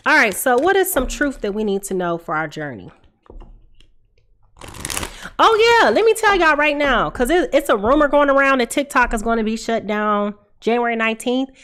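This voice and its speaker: A woman in her thirties hosts a tarot livestream from a room at home, sounding congested and stuffy from a cold. Her voice sits on the high side with a fairly bright tone, and she chats confidingly, calling out to viewers. She speaks into a desk microphone in front of her.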